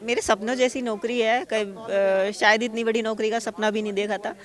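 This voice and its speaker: A young woman athlete from Uttar Pradesh, talking excitedly and earnestly in an on-the-spot news interview at an outdoor awards event. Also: on the high side. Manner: excited, talks fast and earnestly.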